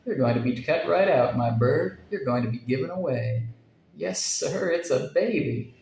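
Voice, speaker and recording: A man's voice: on the high side, expressive, normal speed, creaky, darkish tone, reverberant, slight background noise, rough recording. Man reading as an eager young husband. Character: excited young husband, cheerful then shaken.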